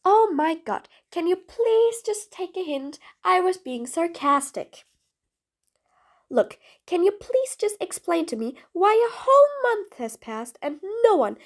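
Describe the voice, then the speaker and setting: A woman's voice: very high-pitched, darkish tone, exaggerated voice. A woman playing a sarcastic, bossy supervillain. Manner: sarcastic and bossy, with taunting nicknames. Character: sarcastic, exasperated female supervillain jailer. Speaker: voice actress. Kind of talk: audio role-play drama.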